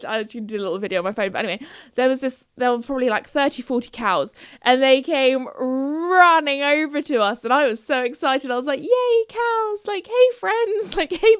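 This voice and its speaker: A woman's voice: a little high, a bit bright, no echo, studio quality. A young woman hosting her own podcast, chatting casually in a bubbly way and laughing often. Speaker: podcast host. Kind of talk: casual chat.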